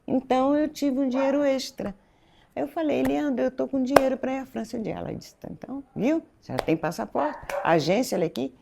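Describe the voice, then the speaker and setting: Heavy background noise surrounds a high, fairly quick, creaky female voice. The speaker, a former French teacher and school director in her seventies from Recife, Pernambuco, Brazil, meanders through her life story as an interview guest, correcting herself and acting out what people said.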